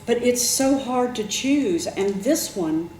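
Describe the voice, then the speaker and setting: A woman hosting a chat show, musing and admiring in a relaxed, unhurried way. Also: on the high side. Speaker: talk show host. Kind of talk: casual chat. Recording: echoey room with faint noise.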